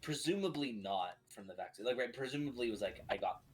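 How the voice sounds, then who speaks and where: A man's voice: medium pitch, expressive, fast. A man in his thirties chatting casually and rambling, filling his talk with "like.". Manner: rambling with many "like"s, laughs easily. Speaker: friend on the stream. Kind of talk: casual chat.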